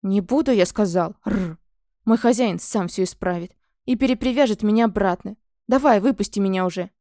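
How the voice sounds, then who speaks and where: A woman's voice: mid-range voice, a little fast, dark tone, dry recording, clean studio sound, close to an everyday voice. A woman voicing a rude, skittish male dragon familiar in a storybook, growling and hissing his lines. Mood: grumbling.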